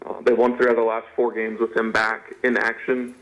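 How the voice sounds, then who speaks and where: A man's voice: fairly low pitch, completely flat delivery, fairly quick. A man talking casually about sports as a show guest, his speech slightly muffled as if from a swollen mouth. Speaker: sports editor and podcaster, guest. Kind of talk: casual sports interview talk. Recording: dull, band-limited radio-style sound.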